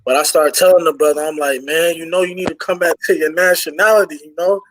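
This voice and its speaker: A man on an online group call, telling a story in an animated, casual way with lots of slang. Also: fairly high pitch, fast, slight background noise, poor audio. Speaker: congregation member.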